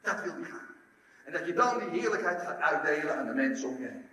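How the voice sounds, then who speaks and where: A man preaching a sermon, lively, acting out the story in voices. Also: fairly high pitch, fairly quick. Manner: animated, acts out the story in voices. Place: large church hall. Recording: echoey hall, from far off.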